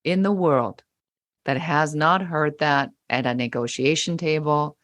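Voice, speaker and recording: Interviewed on a podcast, this low-voiced woman from Germany, whose first language is German, works as a business coach. She talks at a measured pace, emphatic and lively, performing the remarks she quotes, with no echo in the audio.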